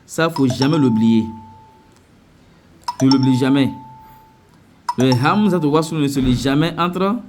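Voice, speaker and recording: A man teaching Quran recitation rules in French, repeating each word slowly and often checking that students follow. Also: mid-range voice, a little mellow, faint music behind. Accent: West African French. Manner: repetitive, drills pronunciations slowly, often checks understanding. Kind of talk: tajweed lesson.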